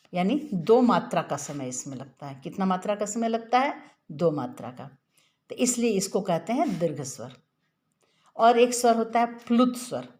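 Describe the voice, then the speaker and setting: A woman's voice: on the high side, darkish tone. A woman teaching a grammar lesson, patiently stretching out vowel sounds to show how long each one takes. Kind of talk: classroom lesson explaining grammar.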